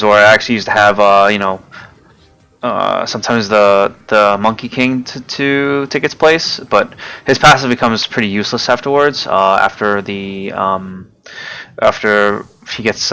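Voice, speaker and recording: Gravelly, low-voiced man, hesitant gameplay commentary. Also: steady tone, measured pace, bright, forceful tone, soft background music. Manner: hesitant, many fillers, loses track of names. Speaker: gaming video creator.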